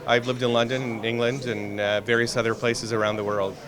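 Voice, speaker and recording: A man's voice: medium pitch, level tone, fairly quick, fairly bright tone. A man being interviewed at a conference as a historian, answering thoughtfully with frequent restarts and fillers. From Iraq, raised in Canada. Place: conference venue. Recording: crowd chatter behind.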